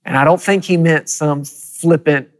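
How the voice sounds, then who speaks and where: A man preaching, telling a personal story in an animated way, with quick bursts and soft, quiet asides. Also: fairly high pitch, big-room sound. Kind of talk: storytelling sermon.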